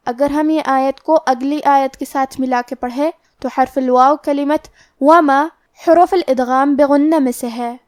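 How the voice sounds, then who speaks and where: A woman teaching the rules of Quran recitation, explaining each letter carefully and then reciting slowly. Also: high voice, a little mellow, dry recording, studio quality. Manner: careful, explanatory, slows right down to recite verses. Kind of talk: tajweed lesson with slow recitation.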